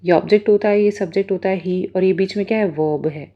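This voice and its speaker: A woman teaching vocabulary, reading sentences slowly and then explaining them quickly. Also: mid-range voice, highs cut off. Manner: reads English lines slowly, explains quickly. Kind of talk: bilingual vocabulary lesson.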